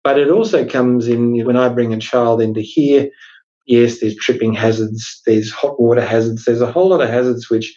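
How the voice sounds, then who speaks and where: A man's voice: mid-range voice, steady tone, normal speed, dark tone, muffled recording. A man co-hosting a casual podcast on workplace law, chatty and emphatic, posing rhetorical questions as he explains. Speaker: podcast co-host, workplace lawyer. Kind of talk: casual legal discussion podcast.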